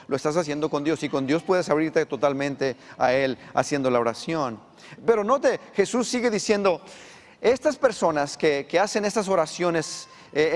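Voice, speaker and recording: High-voiced preacher in a reverberant church. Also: male voice. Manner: animated preaching, voice climbs for emphasis. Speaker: pastor. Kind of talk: sermon. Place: church sanctuary.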